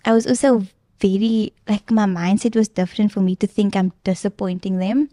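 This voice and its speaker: A woman's voice: medium pitch, fairly even intonation, fairly quick, dark tone, no echo, studio quality. A young woman guest earnestly retelling a personal story in casual chat, with plenty of filler ums. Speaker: podcast guest.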